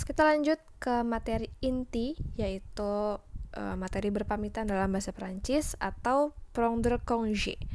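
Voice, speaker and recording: A young woman teaching a French class in a friendly, chatty way, slowly spelling out letters and sounds. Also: mid-range voice, darkish tone. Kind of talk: online class lesson.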